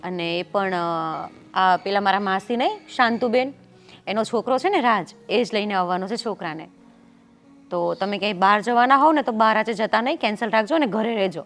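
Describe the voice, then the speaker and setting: An actress with a Gujarati accent, playing an insistent, practical housewife. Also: female voice, mid-range voice, moderate pace, fairly bright tone, soft background music, lightly acted. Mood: persuading. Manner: insistent, scolding. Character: firm, practical housewife, woman. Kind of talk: Gujarati family drama acting.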